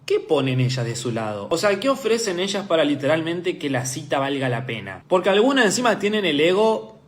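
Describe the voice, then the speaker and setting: A man's voice: a little high, big pitch swings, a little fast, slight background noise. A man ranting emphatically in a social media reel.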